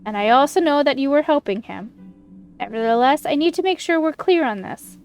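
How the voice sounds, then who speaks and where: A stern, dutiful game character, read out by a woman, with a high voice over music. The hospital superior speaks formally and measures out each reproof. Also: lively intonation, a little fast, a little mellow, lo-fi sound.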